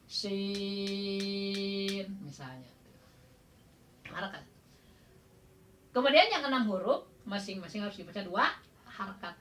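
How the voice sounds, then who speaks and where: A woman's voice: lowish voice, bright, forceful tone, a little hiss or hum. A woman with a Sundanese accent teaching Quran recitation in a casual class, quizzing her students and chuckling often. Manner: counts out drawn-out letters as demonstration. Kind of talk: informal classroom lesson.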